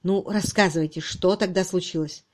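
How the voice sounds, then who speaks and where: A woman reading an audiobook, voicing a calm aristocratic gentleman detective who speaks softly and mildly. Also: lowish voice, normal speed, close to an everyday voice. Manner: soft, mild, composed.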